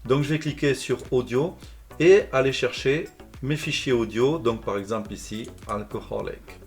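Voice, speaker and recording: A male language teacher calmly explaining a software tutorial step by step. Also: medium pitch, normal speed, soft background music. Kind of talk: screencast tutorial narration.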